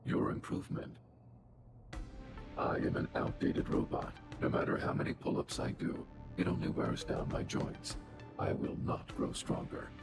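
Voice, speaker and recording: A man voicing an old, logical, protective combat robot in a game, with formal, measured speech and robotic processing. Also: loud music behind the voice. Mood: calm, logical. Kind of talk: video game voice acting.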